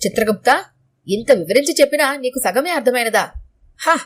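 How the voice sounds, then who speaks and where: Woman voicing a booming stern death god. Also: animated, moderate pace. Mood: angry.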